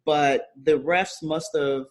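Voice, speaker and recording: A man co-hosting a casual sports podcast, chatty and quick to laugh, often restarting his sentences. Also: a little high, fairly even intonation, poor audio. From American South. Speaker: podcast co-host.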